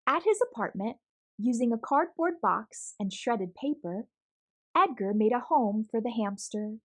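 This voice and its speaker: A woman whose voice leans high reads a children's picture book at a measured pace, telling the story with animation and expression.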